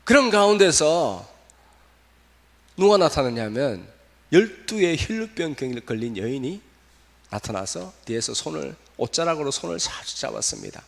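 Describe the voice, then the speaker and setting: Korean guy pastor preaching, lively voice, gravelly, big echoey church. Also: fairly high pitch, normal speed. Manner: animated preaching, asks the congregation questions. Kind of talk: sermon. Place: church sanctuary. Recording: long reverb of a church hall.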